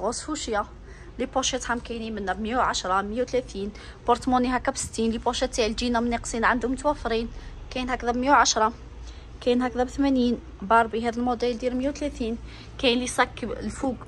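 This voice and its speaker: Holding her phone as she films, a shopping vlogger with an Algerian Arabic accent walks through a bag shop, eagerly listing prices and gushing over the merchandise. Her voice sits a little high, and the recording carries a slight hiss or hum.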